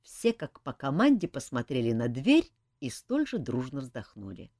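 Expressive woman reading a novel. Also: a bass voice, normal speed, no echo, studio quality. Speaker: audiobook reader. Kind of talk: reading a fantasy novel aloud.

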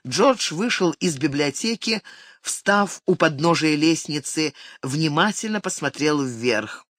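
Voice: medium pitch, lively intonation, takes it slowly, a bit bright, no echo. Dramatic reader narrating a novel. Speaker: audiobook narrator.

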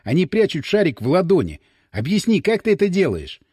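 A man voicing a cautious male police officer who speaks in a serious, measured way. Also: high-pitched, huge pitch swings, warm tone, breathy edge, dry recording, clean studio sound, exaggerated voice. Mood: puzzled.

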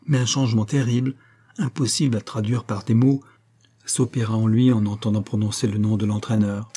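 A man reading a classic novel aloud in a steady, measured narration. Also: on the low side, breathy edge. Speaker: audiobook reader.

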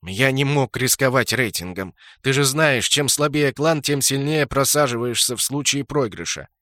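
A man playing a brash, loud male clan leader warrior who gets excitable and pushy. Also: medium pitch, normal speed, dry recording, studio quality.

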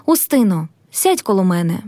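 A woman's voice: mid-range voice, sing-song, normal speed, dark tone, no room sound, clean studio sound, voice pushed down, lightly acted. A woman reading the lines of a grim, stubborn young serf husband who speaks firmly and gloomily. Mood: stern resolve. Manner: firm, gloomy. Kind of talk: audiobook character reading.

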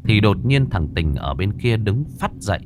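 Man narrating a ghost story with wild pitch swings. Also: moderate pace, over music. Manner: tense, expressive telling.

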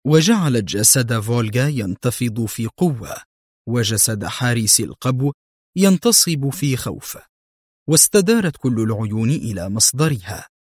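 A man giving measured, dramatic audiobook narration. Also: medium pitch, dry recording, studio quality.

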